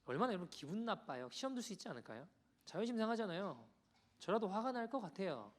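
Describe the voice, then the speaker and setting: A man preaching a sermon as pastor, conversational and animated as he tells a story to the congregation. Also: sits high, fast. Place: church sanctuary.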